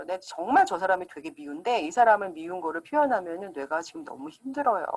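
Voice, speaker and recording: A woman lecturing on psychology in a conversational way, acting out quoted examples. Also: medium pitch. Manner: lively, acts out quoted speakers.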